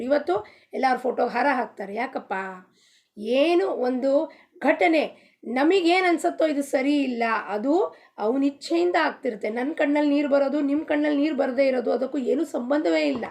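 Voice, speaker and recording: Woman spiritual teacher, high voice, question-and-answer devotional talk. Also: darkish tone. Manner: asks rhetorical questions and answers them herself. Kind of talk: devotional discourse in Kannada with sung Marathi abhang.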